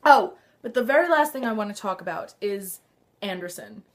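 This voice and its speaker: A woman hosting a casual fan vlog, gushing and excitable with lots of sighs, her nose a little stuffed up. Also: medium pitch, moderate pace. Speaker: vlog host. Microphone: handheld camera.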